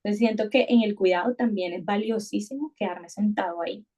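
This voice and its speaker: A woman speaks in a middle pitch on a conversational podcast. She sounds reflective and searching. She circles back on words and restarts phrases while thinking aloud. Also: fairly quick, dark tone. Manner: thoughtful, many restarts and repetitions.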